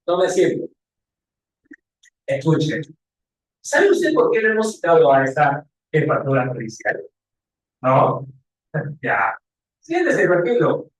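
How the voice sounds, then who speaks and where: A man voicing a shrewd, talkative male police investigator who keeps urging the other to calm down. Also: fairly high pitch, takes it slowly, long pauses, heavily acted. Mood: amused. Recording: echoey room.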